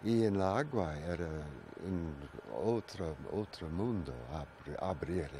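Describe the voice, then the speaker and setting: An older man, a radio interview guest and the originator of Watsu, answers in a strong Italian accent with a very low, mellow, expressive voice. He speaks slowly and haltingly, hunting for words, repeating phrases, and often starting over. A faint hiss runs in the background.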